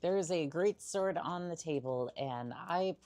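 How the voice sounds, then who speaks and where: Woman game streamer w a low voice, takes her time, casual chat, kinda playful n teasing. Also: measured pace, a little mellow. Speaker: video game livestreamer. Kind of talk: casual chat over gameplay with in-character asides.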